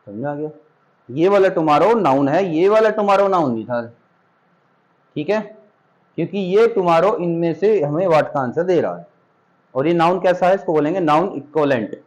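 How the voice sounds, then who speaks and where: In a rough recording, a Hindi-accented man with a slightly high voice leads a grammar lesson in class. He's patient, putting questions to students, going over points again, and making sure they keep up.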